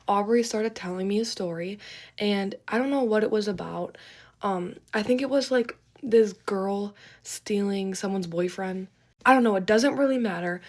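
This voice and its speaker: A woman telling a casual storytime in a chatty, rambling way with lots of fillers. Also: mid-range voice.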